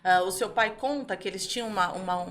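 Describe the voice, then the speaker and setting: A woman's voice: mid-range voice, brisk, fairly bright tone. A woman hosting a podcast, opening the show and asking her guest questions in a friendly, conversational way. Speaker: podcast host. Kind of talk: casual podcast interview. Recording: faint background noise.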